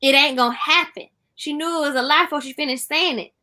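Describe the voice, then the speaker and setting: A woman's voice: high voice, quick pace, crowd noise. A woman co-hosting a casual chat over a video call, teasing and emphatic. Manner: teasing, emphatic, often exclaims "child". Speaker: co-host.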